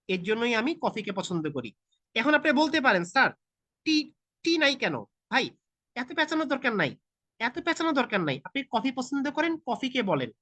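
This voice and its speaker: A man in his thirties teaches IELTS online through a video call, his Bangladeshi Bengali accent clear as he talks loosely, switches into English, and puts questions straight to students. His very high voice is bright and forceful, with no room sound.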